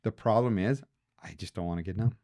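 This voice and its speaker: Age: adult. Sex: woman. Role: dentist hosting a podcast. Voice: extremely low pitch. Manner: calm and questioning, casual conversation. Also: brisk. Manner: calm, asks interviewer questions.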